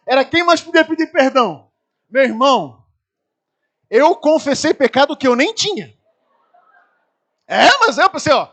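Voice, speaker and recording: Brazilian pastor, very high male voice, animated storyteller who acts out scenes from the pulpit. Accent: Brazilian Portuguese. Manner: lively anecdotes, acts out screaming people. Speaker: preacher. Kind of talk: storytelling sermon.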